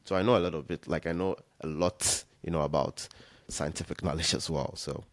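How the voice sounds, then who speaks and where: A young man from Ghana talks as a podcast guest, his voice extremely low and deep. He rambles easily, circling back with fillers and restarts. The sound is dry and close, with no room around it. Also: steady tone, fairly quick, no echo. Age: young adult. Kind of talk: casual interview chat.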